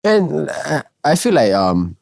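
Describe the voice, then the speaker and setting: A man's voice: on the high side, huge pitch swings, takes it slowly, creaky, no room sound, clean studio sound. A man hosting a podcast, asking casual, blunt questions. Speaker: podcast host.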